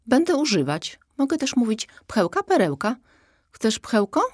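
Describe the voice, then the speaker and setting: A woman voicing an eager, impulsive young girl in a children's audiobook, quick and emotional. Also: a little high, big pitch swings, no echo, clean studio sound, voice pushed up.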